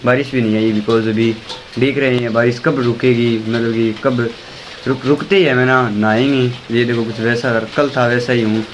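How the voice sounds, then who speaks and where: A man's voice: mid-range voice, fairly even intonation, moderate pace, slight background noise, rough recording. A man casually chatting through a vlog, moving between his home and the lane outside during rain and constantly pointing things out to his viewers. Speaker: vlogger.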